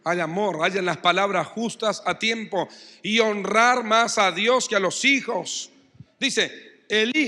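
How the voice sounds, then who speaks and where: A man's voice: sits high, fairly bright tone, long reverb tail. A man preaching a sermon as pastor with an Argentine Spanish accent, acting out quotes and building emphasis. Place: church hall.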